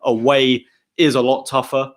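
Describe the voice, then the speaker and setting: A young man from England hosting a live football watchalong, chatting casually and getting excited about the game. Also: medium pitch, unhurried. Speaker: channel host.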